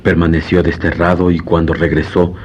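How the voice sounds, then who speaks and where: Male actor as world-weary lawyer, extremely low husky voice, formal, brooding, radio drama. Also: level tone, moderate pace, darkish tone. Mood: grave, troubled. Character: grave, world-weary male liberal lawyer, a family man. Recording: dull lo-fi radio recording.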